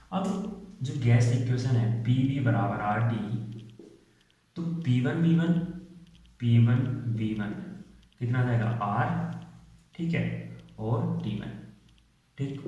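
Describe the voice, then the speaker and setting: A male physics teacher working through derivations step by step, often pausing to check in with his students. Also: medium pitch, dark tone. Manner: explains step by step, often checks with "theek hai". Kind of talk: whiteboard lecture. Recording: echoey room, distant muffled mic.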